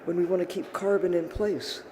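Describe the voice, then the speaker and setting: A man giving a podium speech, making an emphatic appeal in short, deliberate phrases. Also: high voice, steady tone. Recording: clearly noisy live event recording.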